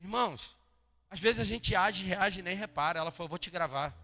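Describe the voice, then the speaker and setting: A male pastor from Rio de Janeiro preaching to his congregation, swinging between quiet asides and loud emphatic lines and joking with the people. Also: high-pitched, brisk, gravelly. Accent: Brazilian Portuguese, Rio de Janeiro. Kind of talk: sermon. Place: church hall. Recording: long hall reverb, faint guitar behind.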